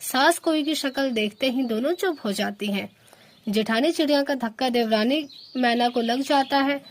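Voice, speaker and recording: A woman's voice: high voice, normal speed. A woman narrating a cartoon story.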